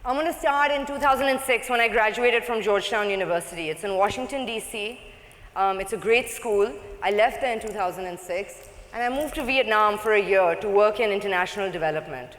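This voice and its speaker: Female speaker, Pakistani accent, informal stage talk, conversational, mid-pitched, big reverberant hall. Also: fairly quick. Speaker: non-profit founder, guest speaker. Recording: echoey hall PA with long reverb.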